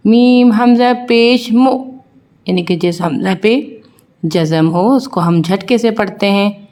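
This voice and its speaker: A woman's voice: mid-range voice, takes it slowly, mellow. A woman teaching children to read, spelling out letters and vowel marks one by one, then explaining each rule. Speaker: Quran reading teacher. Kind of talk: children's recitation lesson.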